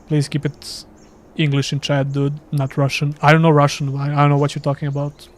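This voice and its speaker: This is casual live gameplay commentary from a Serbian gaming streamer with a Serbian accent, who is self-deprecating as he plays. He speaks a little fast in a fairly high, monotone voice.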